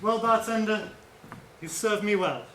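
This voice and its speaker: A pompous, devious adventurer, played by a man who talks in a grand, theatrical way, his voice sitting high. The sound is roomy, with background noise in the theatre. It's live improv comedy. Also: measured pace, bright, forceful tone. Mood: grandiose.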